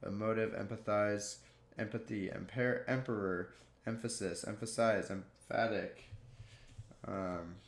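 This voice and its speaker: A man's voice: fairly low pitch, vocal fry. A man reading dictionary entries aloud one word after another, with frequent stumbles and restarts. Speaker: video creator. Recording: echoey room.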